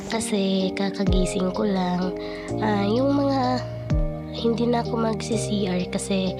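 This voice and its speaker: A woman's voice run through a pitched-down voice changer. She talks slowly and chattily to her viewers, sounding a little stuffed up from a cold and cough. Loud music plays underneath throughout. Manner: chatty, addresses viewers as guys. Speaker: vlogger. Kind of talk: casual narration of a doll-game morning routine. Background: loud background music.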